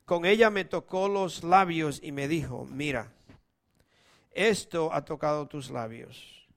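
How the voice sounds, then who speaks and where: Impassioned fairly high-voiced male pastor. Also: slow. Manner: impassioned, swings between loud appeals and hushed prayer. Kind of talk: sermon with scripture reading and prayer. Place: church.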